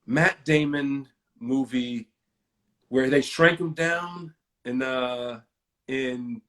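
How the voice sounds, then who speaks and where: A man's voice: mid-range voice, drawn-out words, fairly bright tone. A man hosting a casual live video chat, talking loosely with many fillers and restarts, and reading out viewer comments. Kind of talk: casual conversation.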